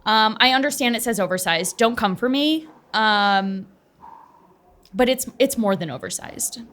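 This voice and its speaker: Bright-voiced young woman, wry co-host. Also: fairly high pitch, unhurried. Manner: easygoing, wry, laughs often. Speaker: podcast co-host. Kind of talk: casual chat.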